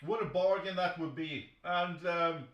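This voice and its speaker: A man hosting a football chat stream. He talks excitably, swears often, and restarts his sentences a lot. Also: on the high side, a little slow, reverberant, recorded from a distance, highs cut off. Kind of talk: live football commentary chat.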